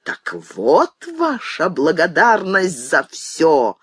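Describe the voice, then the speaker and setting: A woman's voice: sits low, big pitch swings, slow pace, slightly rough, no room sound, studio quality, exaggerated voice. A woman reading an audiobook voices a domineering, easily offended older noblewoman mother who exclaims and demands. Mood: indignant.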